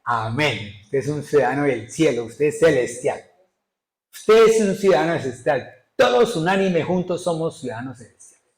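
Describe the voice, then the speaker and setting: A man's voice: on the high side, animated, moderate pace, reverberant, rough recording. A male pastor preaching a sermon emphatically, often putting rhetorical questions to his congregation. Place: church.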